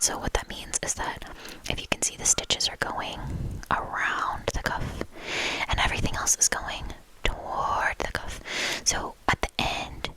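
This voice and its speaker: A woman whispering a casual, rambling ASMR chat in a soft, unvoiced voice, lingering on and repeating soft words. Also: poor audio. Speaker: host of a knitting ASMR channel.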